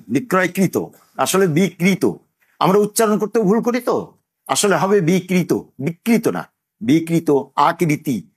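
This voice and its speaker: A man's voice: fairly high pitch, husky. An older man, a madrasa teacher giving an impassioned religious talk full of rhetorical questions.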